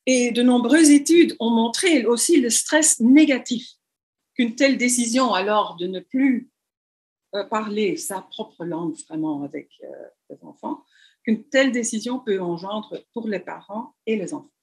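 A woman whose first language isn't French lectures in French over slides via webcam, as a university lecturer. Her delivery is hesitant, full of fillers and restarts. She speaks unhurriedly in a fairly high, slightly mellow voice.

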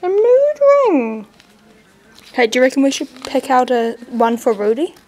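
A woman's voice: high-pitched, sing-song, moderate pace, dark tone. A woman with a New Zealand accent chatting casually while vlogging with her children, asking lots of encouraging questions. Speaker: vlogger filming with her kids. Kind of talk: casual family vlog chat. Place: outdoors and in shops. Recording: noisy outdoor camera audio.

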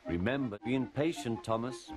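A male storyteller voicing a stout railway boss who talks in a measured, lecturing way. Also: medium pitch, over music, lightly acted. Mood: instructing. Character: stout, kindly but stern railway boss.

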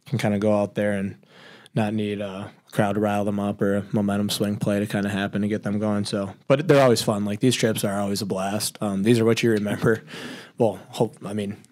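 A young college basketball player answering postgame questions at a press conference table mic, rambling casually with lots of fillers. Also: male voice, lowish voice, little pitch movement, fairly quick, darkish tone. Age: young adult.

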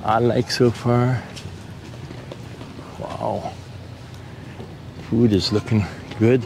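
A man in his forties talks casually to viewers as a travel vlogger, walking outdoors through sunny island streets with a handheld camera. He repeats himself and tosses out relaxed asides. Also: mid-range voice, extremely slow, vocal fry. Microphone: action camera held at arm's length while walking. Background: street and vehicle noise.

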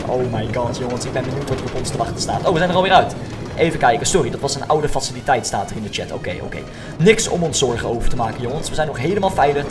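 Young male gaming YouTuber, excitable, mid-range voice, talks straight to viewers with English slang, music underneath. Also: mid-range voice. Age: young adult. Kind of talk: excited Minecraft gameplay commentary.

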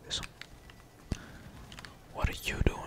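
A male gaming streamer and channel host speaks slowly in a breathy whisper, offering casual ASMR commentary to his audience. His playful mutter is loaded with slang and swearing.

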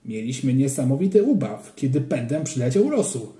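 A man reading a children's story aloud in an expressive narrating style. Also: mid-range voice, moderate pace. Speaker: audiobook reader. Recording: roomy echo.

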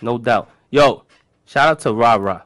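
A man's voice: medium pitch, unhurried, fairly bright tone, dry recording. A man in his thirties with a Brooklyn accent hosts a radio show from a studio, bantering casually in slang, swearing and repeating his phrases. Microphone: close studio microphone with headphones.

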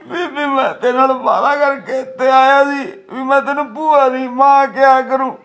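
A man's voice: very high voice, fairly even intonation, a bit bright. An actor playing a frightened young village man, crying and pleading, with a Malwai Punjabi accent. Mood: tearful. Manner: tearful, pleading, halting. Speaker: nephew in a family drama. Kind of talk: web series acting.

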